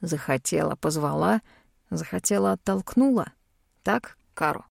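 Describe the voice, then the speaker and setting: A woman voicing a hurt, brooding young man who reproaches his lover in a low, hissing voice. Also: lively intonation, measured pace, vocal fry, no room sound, clean studio sound, exaggerated voice. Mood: reproachful.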